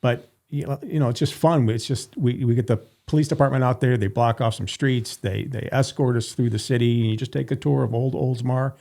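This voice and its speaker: A man appearing as a guest, explaining town events in a relaxed, plain-spoken way and repeating words. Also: mid-range voice, fairly quick, gravelly, hardly any pauses. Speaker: recreation supervisor, guest. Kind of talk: casual interview.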